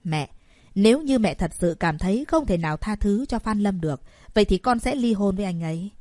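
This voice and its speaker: A woman's voice: mid-range voice, animated, brisk, mellow, no echo, clean studio sound, close to an everyday voice. Woman voicing a pleading, dutiful young wife. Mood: earnest. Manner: pleading, placating. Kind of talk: audiobook character voice.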